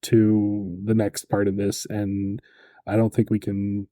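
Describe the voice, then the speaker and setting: Rambling male co-host with a mellow voice. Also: lowish voice, monotone, no echo, clean studio sound. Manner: rambling, halting, many restarts. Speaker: podcast co-host. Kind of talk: casual podcast chat.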